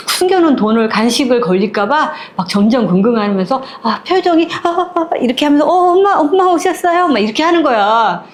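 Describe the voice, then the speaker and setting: A woman's voice: high-pitched, a little hiss or hum. Chatty woman telling a story. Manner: lively, chatty, acts out the characters. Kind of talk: casual oral retelling of a short story.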